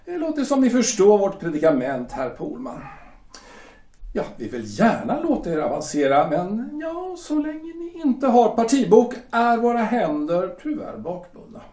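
Playing a smooth shipyard director in an amateur audio drama, a man uses a fairly high, lively voice, speaking slowly and measuredly with hesitant pauses that carry a veiled threat. His mood is cool and probing, and he sounds far from the mic in an echoey room.

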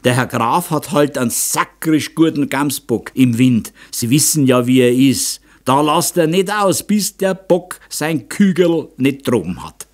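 A man's voice: mid-range voice, expressive, a little slow, hardly any pauses, close to an everyday voice. A man voicing a cheerful young male mountain hunter in a Bavarian accent, hearty and reassuring in folksy dialect, for an audiobook. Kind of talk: audiobook character voice.

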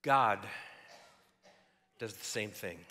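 Older pastor preaching in a big reverberant hall. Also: male voice, on the low side, slow. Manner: animated storytelling with joking asides. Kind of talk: sermon. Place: church sanctuary. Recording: long reverb of a large hall.

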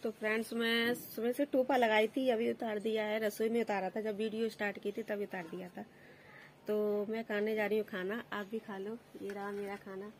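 A woman's voice: mid-range voice, flat delivery, normal speed, slight background noise. A woman talking casually to her viewers at home in a family vlog. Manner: chatty, talks to viewers and her child. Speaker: vlogger.

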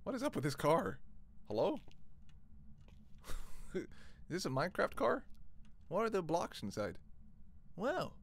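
Young male streamer, slow, creaky, pitch all over, jumpy and profane on a live horror playthrough. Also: wildly swooping pitch. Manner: jumpy, swearing, laughing at himself. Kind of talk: live horror game commentary.

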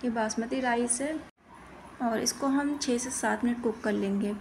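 A woman hosting a cooking channel delivers a recipe voice-over with plain-spoken, step-by-step instructions. Her voice is fairly high with a darkish tone and an unhurried pace, and there's a little hiss or hum in the recording.

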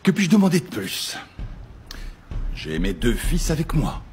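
A man's voice: mid-range voice, wildly swooping pitch, unhurried, darkish tone, slight background noise. A boastful jovial father. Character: proud boastful father, middle-aged man. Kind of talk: French-dubbed telenovela.

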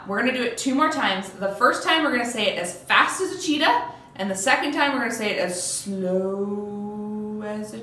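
A woman's voice: on the high side, pushed and bright, far from the mic, slight background noise. Upbeat woman leading kids from across an echoey room. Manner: upbeat, coaxing call-and-response. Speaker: children's ministry leader. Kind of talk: leading a kids' lesson.

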